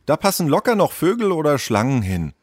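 A quick, bossy young girl who gets impatient, voiced by a male storyteller in a raised, softer voice for a children's audiobook. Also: fairly high pitch, big pitch swings, no echo, clean studio sound, pitched above the performer's own voice.

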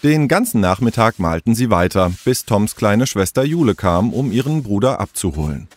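Lively low-voiced male storyteller. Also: normal speed, no echo. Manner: lively storytelling, shifting voice for each character. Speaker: narrator. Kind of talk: children's story reading.

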